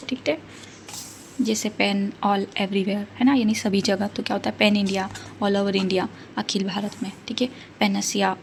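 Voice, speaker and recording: A woman's voice: mid-range voice, creaky, slight background noise. A woman giving a casual book review, reading out word lists and checking in with listeners, mixing English words into her Hindi explanations. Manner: reads out word lists and checks in with "theek hai" and "hai na".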